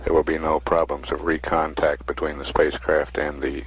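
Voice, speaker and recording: An American man giving measured status commentary as a mission control announcer, reading out figures. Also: rumbling low, level tone, breathy edge, no room sound, low-quality recording.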